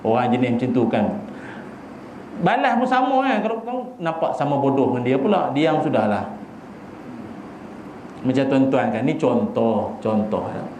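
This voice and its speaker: A man with a Malaysian accent giving a humorous sermon, animated and joking as he acts out little scenes. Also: mid-range voice, normal speed, long pauses, slight background noise. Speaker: preacher. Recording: echoey hall with faint ambience.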